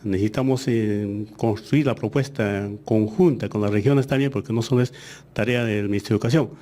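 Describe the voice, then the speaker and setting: A man with a fairly low, warm voice, whose native language is Aymara, answers questions in an interview as a ministry official. He speaks deliberately, with many hesitations.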